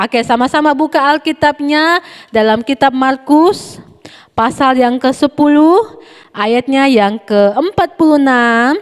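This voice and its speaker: A woman's voice: on the high side, clear, resonant tone. A woman teaching a Sunday school class, telling a Bible story animatedly and quizzing the children with questions. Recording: echoey room with long reverb.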